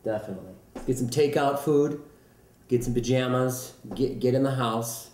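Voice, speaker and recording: A man's voice: mid-range voice, moderate pace, darkish tone. A man hosting an interview, upbeat and playful, who closes by plugging the show in an announcer-like tone. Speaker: interviewer host. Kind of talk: casual interview chat. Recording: echoey room.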